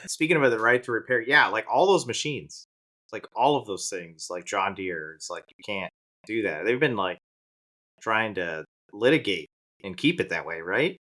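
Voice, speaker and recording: Man with a bright, forceful voice. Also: on the low side, expressive, moderate pace. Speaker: podcast co-host. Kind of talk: casual chat.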